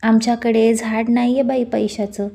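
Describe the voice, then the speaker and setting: A woman voicing a sharp-tongued, scolding middle-aged aunt on the phone in a storybook reading. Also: a little high, little pitch movement, moderate pace. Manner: taunting, nagging.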